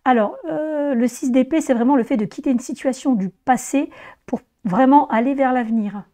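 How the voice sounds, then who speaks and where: A woman with a hoarse voice, weakened by laryngitis, gives an informal tarot reading, explaining things directly to her viewers. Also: high voice, normal speed, warm tone. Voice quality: hoarse, strained voice. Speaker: tarot reader presenting a monthly horoscope reading.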